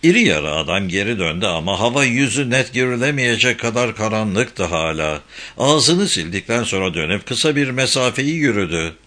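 A man narrating a crime novel audiobook in a steady, even reading. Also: lowish voice. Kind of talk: scripted narration.

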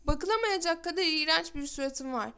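A woman plays a haughty young boy from a fairy tale, high and cutting, who talks down to everyone with open scorn. His lines come out sharp and sneering, as the reader puts him on. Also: fairly quick. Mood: scornful. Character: proud cruel young boy, star child.

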